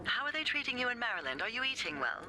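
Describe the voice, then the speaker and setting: A woman voicing an ailing wife in a story game, speaking fondly over the phone with slow, teasing endearments. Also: on the high side, sing-song, over music, rough recording. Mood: affectionate.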